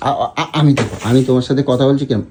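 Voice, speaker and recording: A man's voice: medium pitch, fast, darkish tone, a little hiss or hum. A man with a Bengali accent playing a stingy husband who pleads and makes excuses in a comedic quarrel.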